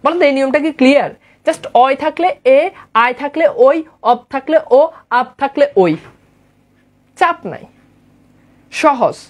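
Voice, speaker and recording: A woman's voice: high voice, lively intonation, a little slow, pauses often. A woman teaching a grammar lesson online, repeating points and quizzing her listeners. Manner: repetitive, drilling, quizzes listeners often.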